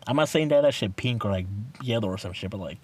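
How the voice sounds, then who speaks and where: A man in his twenties in casual podcast chat, slangy and excitable, repeating words and stumbling as he goes. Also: fairly low pitch, quick pace. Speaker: podcast co-host. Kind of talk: casual chat between friends, with swearing. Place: inside a car. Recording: noisy, recorded inside a car.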